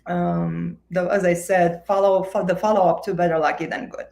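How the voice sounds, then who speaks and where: A woman from Romania, hosting an online book event on a video call in a halting way with many fillers. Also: fairly low pitch, little pitch movement, creaky, darkish tone. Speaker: host.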